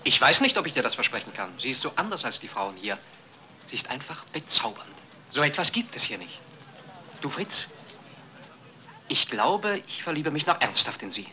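An exuberant lovestruck charmer. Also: male voice, medium pitch, moderate pace, long pauses. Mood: enthusiastic. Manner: exuberant, lively. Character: charming young man, playful and lovestruck. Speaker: Mario, smitten romantic. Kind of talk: 1950s film acting. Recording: old film soundtrack with hiss.

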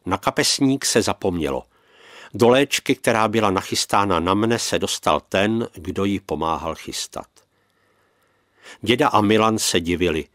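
A man narrating a first-person prison memoir as an audiobook, earnest and measured. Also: lowish voice, fairly bright tone, no room sound, clean studio sound.

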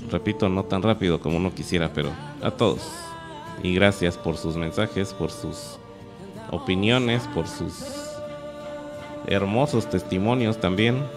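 A man preaching a sermon as pastor, earnest and measured, thanking his listeners at length. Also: low voice. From Mexico.

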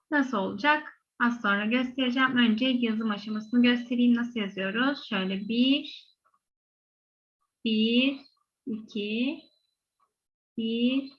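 Patient Korean woman teaching slowly. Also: fairly high pitch, muffled recording. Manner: patient, repeats each word two or three times. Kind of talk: slow step-by-step lesson, repeating example words.

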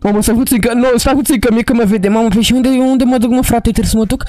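A man's voice: very high voice, fairly even intonation, mellow. A young man narrating gameplay to his viewers in a chatty, filler-heavy way. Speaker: gaming video creator.

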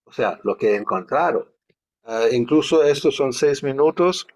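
Guy leading a study class, thinks out loud, middle pitch. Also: lively intonation, normal speed. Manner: thinks aloud, questioning and reflective. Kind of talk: conversational online study class.

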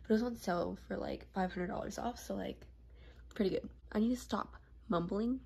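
This teenage makeup vlogger talks through a vanity tour at home in her bedroom, her nose stuffy and runny, rambling casually with many fillers. She speaks a little fast in a mid-range voice that is gravelly, dark, and slightly rough, captured by a phone camera.

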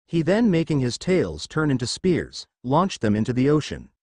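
A man narrating fan fiction in a lively storytelling read. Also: medium pitch, normal speed, dry recording.

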